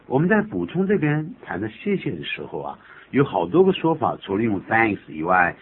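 A man's voice: on the low side, moderate pace. A man hosting a radio English lesson, explaining phrases in a chatty, joking way. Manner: jokey, animated, laughs at his own examples. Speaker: English teacher and radio host. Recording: tinny phone-like radio audio with faint hiss.

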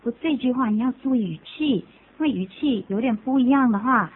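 A woman co-hosting a radio English lesson, reading model phrases slowly and clearly. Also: fairly high pitch. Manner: slow, careful English demonstrations. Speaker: co-host reading English dialogue. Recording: tinny phone-like radio audio with faint hiss.

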